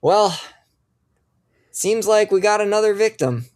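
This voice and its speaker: Man playing a frantic sheriff, high strained voice, hurried and flustered. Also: animated, darkish tone. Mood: agitated. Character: frantic, harried small-town male sheriff.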